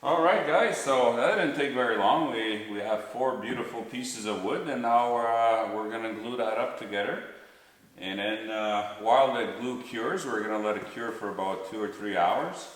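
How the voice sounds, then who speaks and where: A man's voice: medium pitch, moderate pace, heavy reverb, in a large hall, far from the mic, rough recording. A man hosting a woodworking demo in his shop, explaining in a plain, stop-start way, recorded as old camcorder audio. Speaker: woodworking host. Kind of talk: casual how-to demo.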